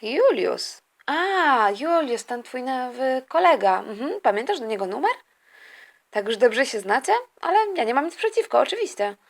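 Woman voicing a mother, kind, patient, gentle, reassuring, high pitch, toy-figure story. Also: very animated, normal speed, full character voice.

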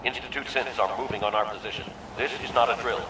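A man playing a radio announcer, giving an urgent emergency bulletin that comes through as a distant radio broadcast over a loudspeaker. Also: mid-range voice, steady tone, fast talker, heavy background noise.

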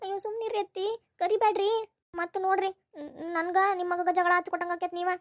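A timid young daughter-in-law pleads hesitantly in a North Karnataka Kannada accent, as a woman voices her. Her voice is very high and the pace is quick. The sound is dry and close. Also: flat delivery, dry recording.

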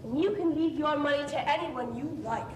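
A woman's voice: moderate pace, darkish tone, natural voice. A woman in an amateur stage play acting an earnest, proud, easily flustered young woman in love. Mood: defiant. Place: theatre stage, indoors. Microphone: far camera. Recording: noisy, rumbling, echoey distant stage recording.

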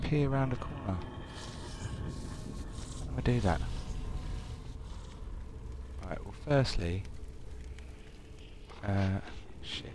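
A man's voice: on the low side, noisy background. Jumpy, swearing British man streaming a game. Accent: British English. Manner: swearing, jumpy, half-whispering while sneaking. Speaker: live-stream gamer. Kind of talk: live game commentary.

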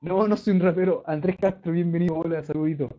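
A young man from Chile with a Chilean Spanish accent, chatting casually on a live game stream, swearing often and shouting greetings to viewers. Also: fairly high pitch, steady tone, fast talker. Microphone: desktop microphone. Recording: dull lo-fi stream audio with faint noise.

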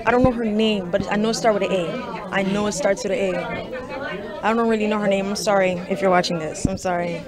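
A woman's voice: mid-range voice, fairly even intonation, a little fast. Young woman model, casual and unsure, repeats herself, crowd noise behind. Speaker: model interviewee. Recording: noisy crowd chatter behind.

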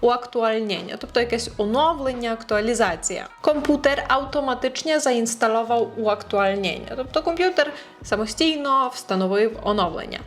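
A woman teaching an online language lesson, chatty and encouraging, slowing down to carefully over-enunciate hard words. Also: a little high, soft background music.

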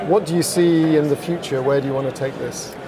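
A man's voice: a little high, fairly even intonation, fairly quick. Man interviewing at a noisy trade show. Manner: friendly, affirming questions. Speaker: interviewer, podcast host. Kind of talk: conversational interview. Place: trade show booth, indoors. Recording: busy trade show hall with crowd noise. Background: crowd chatter of a trade show.

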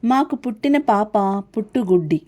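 A woman reading the part of a grieving young wife quietly confiding in a friend, in a storybook reading. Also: on the high side, animated, moderate pace. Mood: sorrowful.

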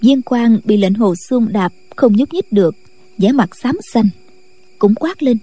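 A woman narrating a martial-arts novel in a steady, scripted late-night storytelling style. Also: on the high side, measured pace, breathy edge. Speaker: audiobook narrator.

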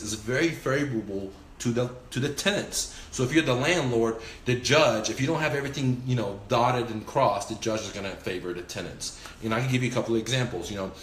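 A man's voice: lowish voice, reverberant, a little hiss or hum. A man in his forties, a real estate investor, giving a casual, profane, emphatic talk to the camera while gesturing with his hands. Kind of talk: casual instructional vlog. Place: indoors, small room by a window.

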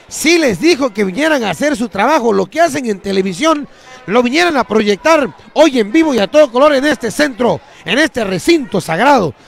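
Casting: male Mexican wrestling commentator, excited and emphatic, high strained pitch with big swoops, shouting at an arena event. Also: vocal fry. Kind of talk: live lucha libre colour commentary. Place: large packed indoor arena, ringside.

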